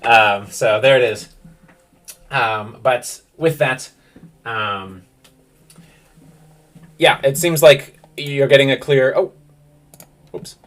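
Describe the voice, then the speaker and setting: A man's voice: medium pitch, slow pace, pauses often, fairly bright tone, far from the mic. A man narrating as game master of a tabletop game, rambling with many fillers.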